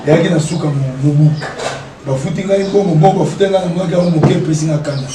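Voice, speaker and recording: A man's voice: on the high side, fast talker, reverberant, recorded from a distance, background noise. A man, talking as an interview guest, emphatic and repeating his rhetorical questions. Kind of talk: animated interview talk, mixing French and Lingala.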